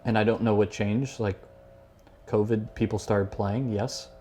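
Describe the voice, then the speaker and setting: A man with a fairly low voice hosts a relaxed podcast chat. He speaks in a laid-back, halting way, often agreeing and searching for his words. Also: slight background noise. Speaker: podcast host. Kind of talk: casual podcast conversation.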